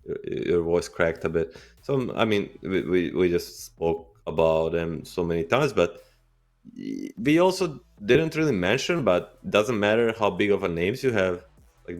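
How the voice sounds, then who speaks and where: Deep-voiced halting esports analyst, man. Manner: thoughtful, halting, restarts phrases. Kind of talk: live esports commentary.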